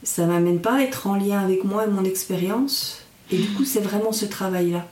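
A woman speaking as an instructor in an interview, explaining things in a reflective, halting way as she searches for her words. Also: medium pitch, darkish tone, slight background noise. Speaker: mindfulness instructor and guest. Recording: echoey room, distant from microphone.

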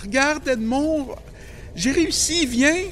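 A frantic young schoolboy, played by a man, shrill and pleading in a storybook recording. He sounds high and loud, straining to be heard. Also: takes it slowly, a little hiss or hum, heavily acted. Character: panicked schoolboy, the narrator as a child.

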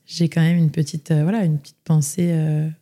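Chatty young woman, low and mellow. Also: flat delivery, moderate pace. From France. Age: young adult. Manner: chatty, many fillers and restarts. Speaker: interview guest. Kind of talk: casual personal story.

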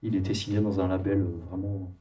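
French guy musician chatting, lots of uhs, mellow voice, bit far from mic. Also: low-pitched, flat delivery, quick pace. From France. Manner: hesitant, many filler sounds and restarts. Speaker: interviewed musician and producer. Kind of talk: relaxed conversational interview.

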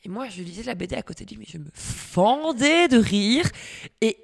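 A woman comics author on a podcast, chatty and joking, full of lively asides. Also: fairly high pitch, normal speed, gravelly. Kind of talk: podcast interview.

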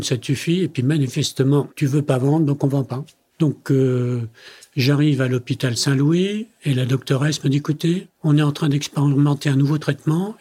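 A man's voice: medium pitch, warm tone, breathy edge. An older man, a company president interviewed as a guest, tells personal stories in conversation and acts out the dialogue he quotes.

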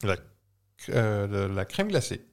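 A man's voice: fairly low pitch, big pitch swings, unhurried. A man co-hosting a casual podcast chat, posing trivia questions with a teasing, playful manner and frequent laughs. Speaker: podcast co-host.

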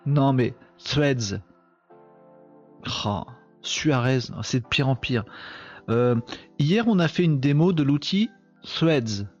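A man's voice: mid-range voice, expressive, takes it slowly, pauses often, muffled recording, faint music behind. A man hosting a live online show, chatting casually and mocking himself with lots of fillers. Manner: joking, self-mocking, chatty with many fillers. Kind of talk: casual live-stream chat.

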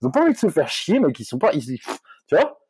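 Man, comedian podcast host, husky voice, dry close sound, laughs a lot. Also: on the high side, fast talker, no room sound. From Corsica and mainland France. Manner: laughs often, animated, repeats words. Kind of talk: casual chat.

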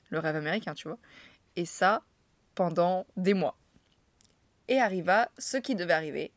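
A young woman from France tells her stories in a chatty, slangy way, poking fun at herself and laughing often. Her voice sits a little low, and the recording is dry and close with no room sound. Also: lively intonation, unhurried, no echo. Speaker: vlogger telling anecdotes. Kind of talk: casual storytelling to camera.

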